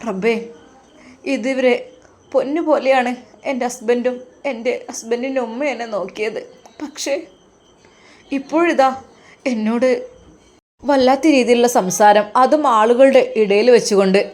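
A woman's voice: on the high side, measured pace, pauses often, a little mellow, lightly acted. A woman voicing a hurt young wife who pleads sorrowfully.

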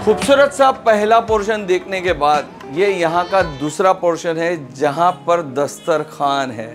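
A middle-aged man hosting a food vlog, walking through a restaurant and describing it with eager, polite phrasing. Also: high voice. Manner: enthusiastic, Urdu-flavored polite phrasing. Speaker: food vlogger host. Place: restaurant, indoors and on street outside.

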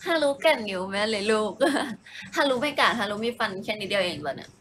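A woman's voice: medium pitch, expressive, brisk, a bit bright, slight background noise. A young woman chatting casually on a home live stream, giggling often and answering viewers as she reads their comments.

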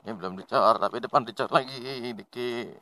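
A man's voice: mid-range voice, a little fast. Chatty man narrating a motorbike ride. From Indonesia. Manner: relaxed, chatty, laughs often, addresses viewers as friends. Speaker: motovlog host. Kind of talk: casual riding commentary. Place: riding a motorbike outdoors on rural roads.

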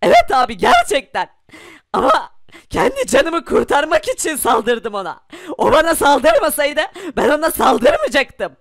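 A man's voice: extremely high pitch, wildly swooping pitch, measured pace, gravelly, fairly bright tone, dry recording, clean studio sound, full character voice. A man voicing a panicky, tearful poor young man who talks in a breathless, pleading way, crying through his words. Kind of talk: hobby animation voice acting.

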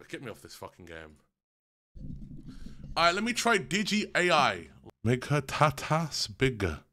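A livestream host in his twenties, speaking at medium pitch, chats casually and excitably with his viewers in slangy speech. He reacts to content from a small decorated room at home, sitting close to a desk microphone mounted on a boom arm.

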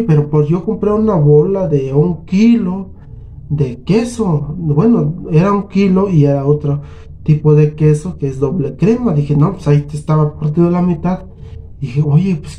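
A man's voice: sits high, mellow. A man with a Mexican accent casually tells a story on his vlog, acting out both sides of an argument in colloquial, salty speech. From Huasteca region of Mexico. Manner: colloquial, swears freely. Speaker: channel host.

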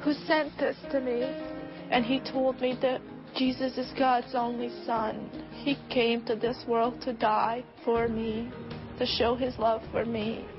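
A woman's voice: fairly high pitch, flat delivery, unhurried. A middle-aged woman from Bosnia, giving an earnest personal testimony. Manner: earnest, heartfelt storytelling. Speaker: testimony speaker. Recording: muffled video clip with music behind.

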